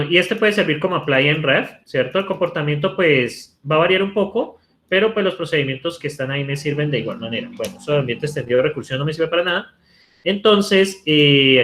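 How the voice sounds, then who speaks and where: Higher-voiced man lecturing on code. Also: fairly bright tone. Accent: Colombian Spanish. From Colombia. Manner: talks while typing code, asks rhetorical "¿cierto?" often. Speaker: university programming lecturer. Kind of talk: live online coding lecture.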